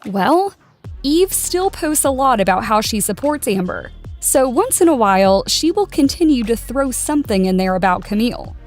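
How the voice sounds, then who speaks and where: Brief: woman, scripted news narrator, even measured read, soft music under. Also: fairly high pitch. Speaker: narrator of a celebrity news channel.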